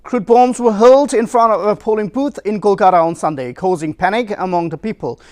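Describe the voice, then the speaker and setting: High-pitched male newsreader. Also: brisk. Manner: formal. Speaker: news anchor. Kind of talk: scripted news reading.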